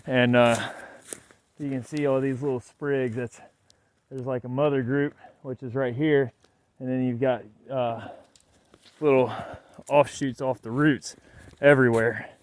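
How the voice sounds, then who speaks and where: A man's voice: medium pitch, steady tone, a little slow. A man vlogging on a snowy mountain trail while hiking, a bit out of breath, talking in an easygoing, rambling way full of fillers. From Virginia. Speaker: vlogger hiking with his son. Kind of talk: casual hiking vlog narration.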